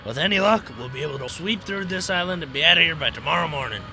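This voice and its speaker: In an amateur World War II radio drama, a man voices a stern, commanding American army captain who barks dry, clipped orders. His voice is on the high side, expressive and fast.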